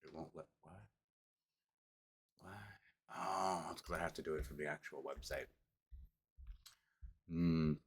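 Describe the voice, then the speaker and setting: A man's voice: extremely low pitch, steady tone, unhurried, pauses often, a little hiss or hum. A man casually chatting on a home livestream about tarot, rambling and loosely profane, with the camera on a table. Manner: rambling, loose and profane, talks with mouth full at times. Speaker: streamer doing tarot readings.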